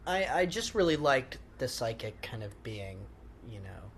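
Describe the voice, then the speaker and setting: A man's voice: mid-range voice, big pitch swings, a little slow, creaky. A man chats casually through a director's film commentary. His delivery is informal and rambling, often trailing off, with a mid-range voice. He is recorded on a portable recorder in a living room, with faint noise behind him. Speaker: film director and writer giving audio commentary. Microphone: handheld portable recorder in the room. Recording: noisy handheld room recording.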